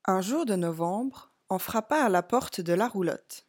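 A woman reading a children's picture book aloud, in a calm, clear storytelling voice. She speaks slowly and gently to a young listener, pitched at an ordinary middle level for a woman. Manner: slow, clear, addressing a child. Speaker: storybook reader.

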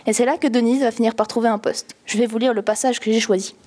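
A woman calmly reading a novel passage aloud and explaining it. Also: fairly high pitch. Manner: calm, measured reading. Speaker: reader.

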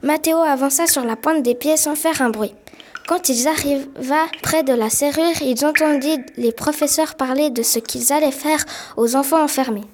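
A woman's voice: sits high, normal speed, darkish tone, slight background noise. A woman narrating a story in a plain amateur reading, with small slips.

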